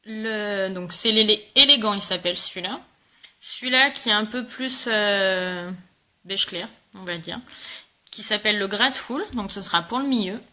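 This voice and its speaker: A woman with a mid-range voice and a sharp tone runs a relaxed live makeup tutorial. She greets her viewers and chats with them eagerly while demonstrating, with lots of filler words.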